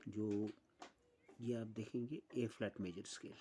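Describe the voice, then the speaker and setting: A man teaching an online music lesson, explaining step by step with pauses. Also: lowish voice, fairly even intonation, mellow, a little hiss or hum.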